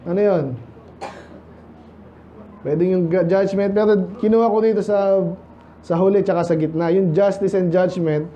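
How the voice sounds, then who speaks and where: A pastor from the Philippines giving a conversational sermon, asking many rhetorical questions and reading Bible verses slowly in English. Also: male voice, high-pitched, fairly even intonation, dark tone, highs cut off, a little hiss or hum.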